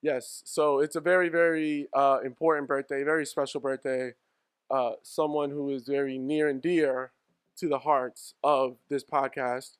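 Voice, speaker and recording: A man's voice: mid-range voice, little pitch movement, a little slow, clear, resonant tone, no echo. A man in his thirties co-hosting a podcast in casual chat, joking and slangy and laughing often. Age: 30s. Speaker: podcast co-host.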